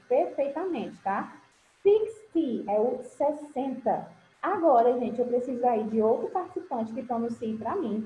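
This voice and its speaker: A woman's voice: high-pitched, dark tone. A woman with a Brazilian Portuguese accent teaching English numbers to children in an online class, encouraging them with pet names. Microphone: video call. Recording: roomy, dull video-call audio with faint hiss.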